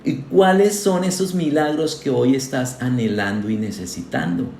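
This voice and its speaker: A man's voice: mid-range voice, normal speed, creaky, a little mellow, a little hiss or hum. A man, a pastor, preaching a sermon to his congregation, earnest and asking them questions directly. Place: church hall. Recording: echoey church hall.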